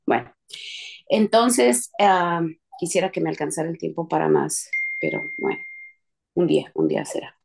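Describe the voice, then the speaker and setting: Gravelly woman telling a story. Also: lowish voice, normal speed, pauses often. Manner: lively, laughing, trailing off and restarting. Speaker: church group member. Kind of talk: casual storytelling testimony.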